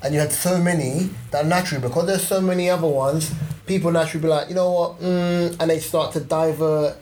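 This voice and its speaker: A man's voice: a little high, fairly even intonation, brisk, a little mellow, slight background noise. A man chatting casually on a podcast, slangy and explanatory, reeling off examples. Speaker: podcast panellist.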